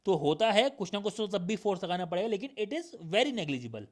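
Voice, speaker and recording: A man giving a recorded lecture with a sore throat, checking with students through repeated questions and reading definitions aloud slowly. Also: high-pitched, big pitch swings. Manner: drills points with repeated questions. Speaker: teacher.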